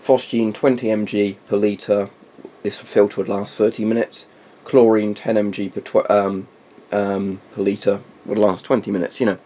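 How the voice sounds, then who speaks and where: A man's voice: on the low side, flat delivery, normal speed, warm tone. A man reviewing military surplus gear in a casual, unscripted way, explaining informally with rambling asides. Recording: faint background noise.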